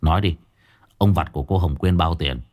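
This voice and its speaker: A man voicing a calm, stern young male exorcist who speaks in a cool, measured way. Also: deep voice, voice pushed down, close to an everyday voice.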